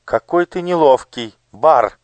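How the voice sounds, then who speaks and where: A man's voice: a little high, slow, no room sound, pitched above the performer's own voice. Man doing a sweet-voiced cruel noble lady. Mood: cold scolding. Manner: singsong, coaxing.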